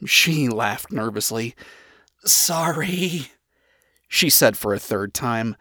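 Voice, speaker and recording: A reader narrating a chapter of a story aloud with expressive storytelling. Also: medium pitch, dry recording, studio quality. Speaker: audiobook reader.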